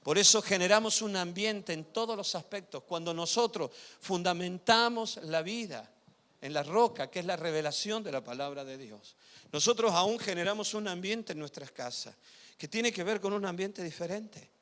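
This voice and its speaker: A male pastor preaching a sermon, swinging loud emphatic passages to quiet intimate asides and often asking the congregation whether they follow. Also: high voice, lively intonation, moderate pace. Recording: reverberant church hall.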